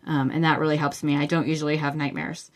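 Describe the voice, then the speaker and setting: Chatty woman podcast host, lowish voice. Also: flat delivery, fast talker. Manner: chatty and enthusiastic, with many fillers. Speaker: podcast host answering listener questions. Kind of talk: casual solo podcast talk.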